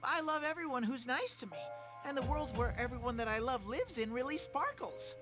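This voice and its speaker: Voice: high-pitched, animated, brisk. An actor voicing a cheerful, fretful bear mascot in a video game, bubbly and playful. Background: game music.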